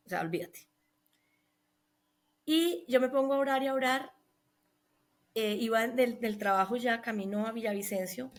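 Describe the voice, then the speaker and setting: A middle-aged woman giving an emotional personal testimony, recounting events earnestly and quoting the people involved. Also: a little high. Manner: earnest, recounting with quoted dialogue. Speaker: guest telling her testimony.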